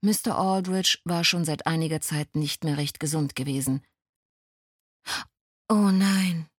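A woman reading a novel aloud as an audiobook narrator, in calm, even storytelling. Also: low-pitched, normal speed, dry recording, clean studio sound. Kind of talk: scripted narration.

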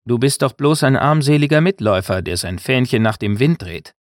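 A man's voice: fairly low pitch, moderate pace, fairly bright tone, no room sound, studio quality, lightly acted. A man voicing a defiant young male prisoner, speaking scornfully.

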